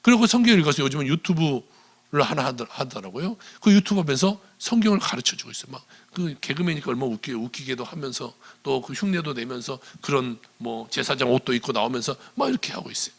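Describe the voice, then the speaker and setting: A male pastor preaching a sermon in a church, retelling a story with animated delivery and quoted dialogue. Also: mid-range voice, fast, creaky, husky. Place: church sanctuary.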